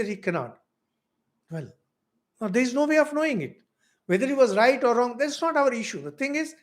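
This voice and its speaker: A middle-aged Indian man with an Indian English accent, a monk giving a spiritual lecture, asking rhetorical questions with big swings in loudness. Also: sits high. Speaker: monk teaching spiritual philosophy.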